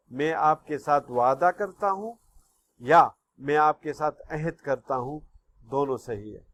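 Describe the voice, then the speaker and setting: A man teaching a recorded online class to young pupils, patiently repeating words and often checking if they follow. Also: a little high. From Pakistan. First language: Pashto. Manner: patient, repeats words slowly, keeps asking "okay?". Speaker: school teacher.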